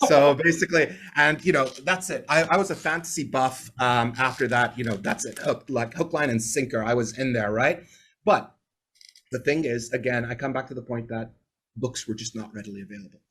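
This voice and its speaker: Talking a little fast in a fairly bright, medium-pitched voice, a man from Bahrain shares stories as a guest on a video call. He's in his forties, a native English speaker, and his casual interview storytelling wanders chattily, with "right?" tacked onto his points.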